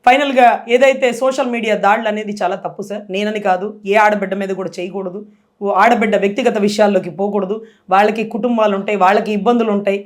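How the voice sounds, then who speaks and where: A woman giving an impassioned, forceful political interview as a guest, speaking with strong emotion. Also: mid-range voice, fairly even intonation, quick pace. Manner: impassioned, forceful, tearful at times.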